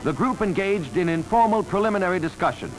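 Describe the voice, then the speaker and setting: A man narrating an old 1940s wartime newsreel in a brisk, emphatic announcer delivery. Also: sits high, animated, rough recording. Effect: old newsreel soundtrack. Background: loud music score.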